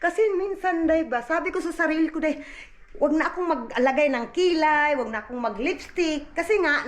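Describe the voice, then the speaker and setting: A woman from the Philippines, chatting casually in a home vlog as a mother, constantly addressing her viewers as "day" and "inday". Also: high-pitched. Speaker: vlogger mother. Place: at home indoors.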